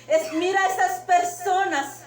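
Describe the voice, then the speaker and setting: A woman with a high, slow-paced voice gives an emotional testimony in church, retelling her dreams. She sounds set back from the microphone in an echoey hall. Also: steady tone. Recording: echoey room, distant mic.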